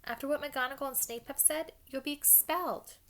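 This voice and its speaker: Woman doing brainy schoolgirl witch, brisk and earnest, storybook voice. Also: high voice, fairly bright tone, pitched above the performer's own voice. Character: clever, anxious schoolgirl witch.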